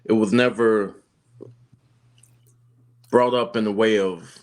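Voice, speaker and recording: A man co-hosting a casual relationship talk, reflective and halting as he works through his thoughts. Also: lowish voice, fairly even intonation, darkish tone. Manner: reflective, halting with fillers and restarts. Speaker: co-host of a relationship channel.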